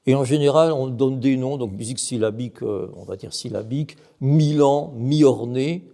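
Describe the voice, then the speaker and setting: A middle-aged monk gives an emphatic explanatory talk on Byzantine chant, now and then chanting short examples and asking his listeners questions. His mid-range voice is warm with some vocal fry, its intonation fairly even and its pace a little fast.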